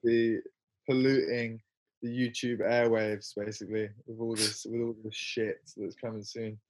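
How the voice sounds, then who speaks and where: A man's voice: fairly low pitch, level tone, measured pace, a little mellow. A young man chatting as an interview guest, rambling and self-mocking, laughing often as he talks. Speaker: interview guest, musician and filmmaker. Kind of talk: casual interview chat.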